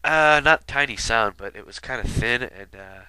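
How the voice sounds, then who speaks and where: Speaking at normal speed in a mid-range voice, bright and forceful with a clean tone, a video commentator offers a casual album retrospective. He's sick with a stuffy nose and rambles, leaning on fillers and asides. There's no echo, but the recording is rough.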